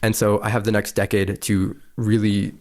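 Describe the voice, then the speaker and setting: A man's voice: fairly low pitch, level tone, normal speed, a little mellow. A man in his early twenties hosting a podcast interview, chatting casually and eagerly, filling his speech with "like". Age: early 20s. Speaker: podcast host.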